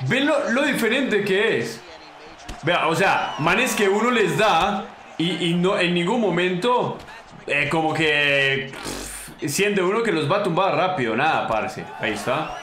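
Excitable Colombian man, bright echoey voice. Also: high-pitched, unhurried, slight background noise. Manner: excitable, slangy, talks to the opponent, bursts into yelps. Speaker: gaming channel host. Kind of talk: casual gameplay commentary.

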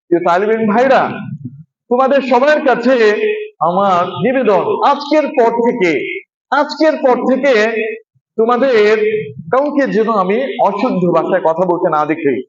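A man teaching a room of students, asking rhetorical questions and answering them himself, repeating key phrases. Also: high-pitched. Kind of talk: classroom lecture. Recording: echoey, distant, dull room recording.

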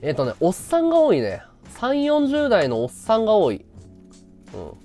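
A man live-streaming a casual chat, blunt and ranting, swinging from loud outbursts to low mutters. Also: wildly swooping pitch, moderate pace, faint music behind.

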